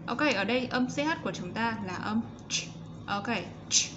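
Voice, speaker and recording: A Vietnamese woman teaches English to young children with a Vietnamese accent. She explains briskly, then stretches out model phrases and repeats sounds. The recording is somewhat dull, with steady noise behind her. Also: a little high. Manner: switches between quick explanations and slow, drawn-out model sentences; encouraging, repeats sounds for pupils.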